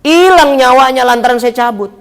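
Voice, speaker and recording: Man voicing old male saint, soft, slow, grave. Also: very high voice, clean tone, long reverb tail, pitched above the performer's own voice. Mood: sorrowful. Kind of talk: acted quote within a sermon.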